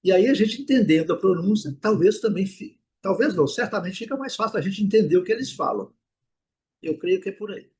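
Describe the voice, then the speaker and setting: A Brazilian man teaching English pronunciation in an online lesson, explaining patiently and repeating each word slowly to drill it. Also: sits high, expressive, darkish tone, husky, low-quality recording. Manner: drills words by slow repetition; explanatory, with rhetorical check-ins.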